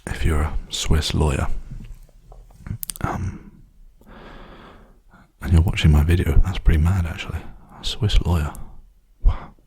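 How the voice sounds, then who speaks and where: A man speaking in a soft, hushed ASMR style, often slipping into a whisper as he rambles casually and gently. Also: rumbling low, little pitch movement, a little slow, long pauses, husky. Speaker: ASMR video host. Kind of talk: softly spoken ASMR rambling.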